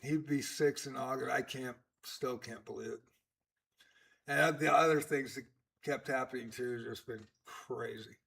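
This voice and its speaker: A man's voice: medium pitch, steady tone, measured pace, gravelly, fairly bright tone, husky. A man in his sixties giving casual live-stream chess commentary, chatty and rambling with many fillers. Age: 60s.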